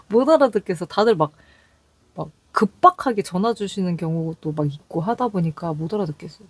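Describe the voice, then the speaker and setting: With a mid-range, slightly mellow and slightly rough voice, this young call center agent from Seoul shares candid work stories in a casual vlog. She is chatty and quotes her callers, and there is no room sound.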